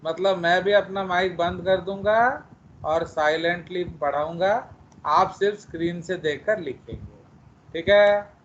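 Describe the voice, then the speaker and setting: Male teacher, high voice, slow drawn-out delivery, scolding at times, dull audio with faint hiss. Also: steady tone. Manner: scolding, mixing Hindi with English phrases; slow, drawn-out explanations with questions to students. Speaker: biology teacher. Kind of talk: online class lecture.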